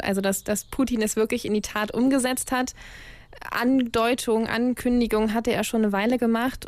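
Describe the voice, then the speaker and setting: A woman hosting a show and interviewing a guest in clear, steady questions. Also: medium pitch, dry recording. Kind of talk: scripted interview moderation.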